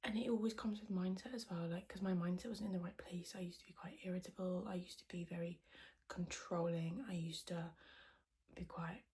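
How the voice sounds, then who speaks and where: A woman podcast host whispering in a hushed, quiet voice so as not to wake anyone, chatting casually in a rambling, self-deprecating way. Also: on the low side, fairly even intonation, fairly quick. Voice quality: whispered, breathy voice. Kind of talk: casual chat to podcast viewers.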